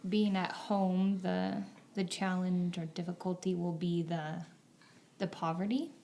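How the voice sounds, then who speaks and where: A woman's voice: lowish voice, flat delivery, measured pace, creaky, mellow, slight background noise. A woman missionary answering interview questions in a thoughtful, reflective way with frequent fillers.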